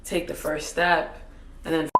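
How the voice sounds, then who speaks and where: A woman's voice: sits low, flat delivery, measured pace, a bit bright. A woman in her thirties casually and animatedly telling a personal story to camera, joking and swearing as she goes. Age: 30s. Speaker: vlogger.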